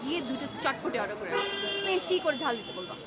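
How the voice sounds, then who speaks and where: A woman's voice: high-pitched, sing-song, quick pace, over a noisy crowd, very noisy. An actress playing a playful, bossy young woman on a date in a comic TV drama. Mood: teasing. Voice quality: teasing, bossy.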